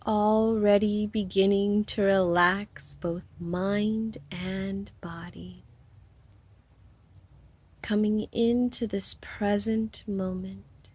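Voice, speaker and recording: Recorded with no echo, a woman of medium pitch guides a hypnotic meditation in a soothing, unhurried way. Her voice is breathy and soft-edged, with long pauses between phrases.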